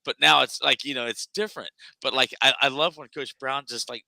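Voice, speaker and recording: A man's voice: medium pitch, steady tone, fairly quick, creaky, pushed and bright, no room sound. A man reminiscing earnestly about his school sports days in a casual reunion chat.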